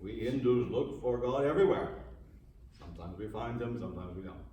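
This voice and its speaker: A man's voice: medium pitch, lively intonation, brisk, dark tone, slight background noise, close to an everyday voice. Man voicing devout swami, earnest, plain tone, distant echoey mic.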